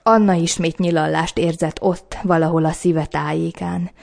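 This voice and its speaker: A woman narrates an audiobook in calm, measured, scripted storytelling. Her voice sits fairly low. The timbre is warm and mellow. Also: vocal fry.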